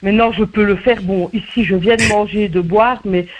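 A woman's voice: mid-range voice, steady tone, normal speed, slight background noise. A woman with a Liège accent, a singer on a phone call, speaking politely in long rambling sentences. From Belgium. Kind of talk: phone conversation.

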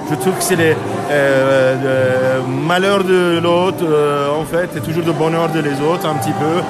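A man in his fifties from Turkey, speaking as a painter in a radio interview, halting and searching for words with many fillers. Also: on the high side, fairly even intonation, very noisy. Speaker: painter and artist.

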